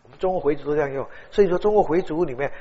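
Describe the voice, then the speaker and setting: A man's voice: a little high, very fast. A middle-aged man preaching a sermon, telling stories animatedly and acting out dialogue. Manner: animated storytelling, acts out dialogue. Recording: dull, long-reverb hall.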